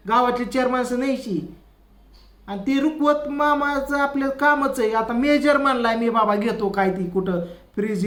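A man's voice: very high-pitched, roomy sound. A man with a doing a comedy monologue, ranting as he retells a family quarrel and quotes the people in it.

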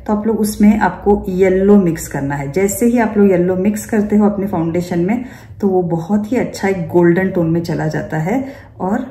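A warm, lowish female voice belongs to a makeup teacher giving an instructional demonstration in an echoey room. She explains every step and often asks her students rhetorical questions.

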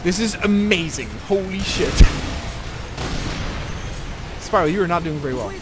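A man playing a co-op game with friends, loud, excitable and swearing. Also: sits high, a little slow, over music. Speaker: gamer playing co-op. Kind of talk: excited gaming banter.

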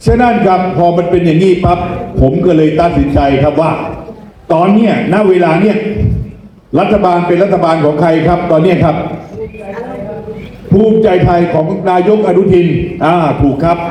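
A man delivers a campaign rally speech in a high but soft-toned voice. He speaks in a folksy way, often turning to his listeners with questions. The sound is heavily echoed, like a public address system. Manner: folksy, repeatedly asking the crowd questions. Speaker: parliamentary election candidate. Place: rally venue, speaking to a gathered crowd.

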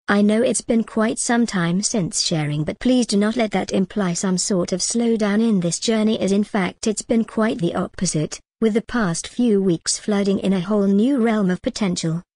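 A woman's voice: medium pitch, darkish tone, no echo, studio quality. Wry woman delivering a scripted monologue. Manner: wry, jokey asides amid earnest persuasion. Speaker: video creator.

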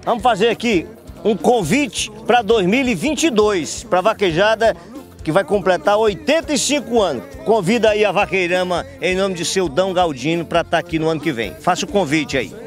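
A middle-aged man from TV, speaking in a Northeastern Brazilian accent. His voice sits high and he presents like a hyped rodeo announcer on a handheld mic outdoors, with light music underneath. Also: lively intonation, normal speed. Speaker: TV show presenter and reporter. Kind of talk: on-location presenting and interviewing for a rodeo show. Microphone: handheld microphone. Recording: outdoor TV report with faint music bed.

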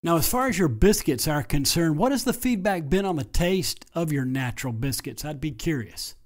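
Upbeat radio host, slightly higher voice. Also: male voice, animated, normal speed. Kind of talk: radio interview hosting.

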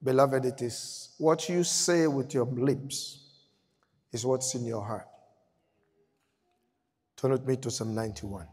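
A man's voice: medium pitch, slow pace, long pauses, darkish tone, breathy edge, big-room sound. A man pastor delivering an emphatic sermon in a church, repeating phrases for effect.

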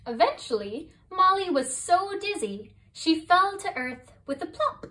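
Slow expressive woman reading a bedtime story. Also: very high voice. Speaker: storybook reader. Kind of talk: bedtime picture-book reading. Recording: voice a bit distant from mic.

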